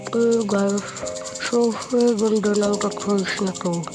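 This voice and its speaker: A woman's voice run through a pitched-down voice changer. She talks slowly and chattily to her viewers, sounding a little stuffed up from a cold and cough. Loud music plays underneath throughout. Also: fairly even intonation. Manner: chatty, addresses viewers as guys. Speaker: vlogger. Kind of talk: casual narration of a doll-game morning routine. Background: loud background music.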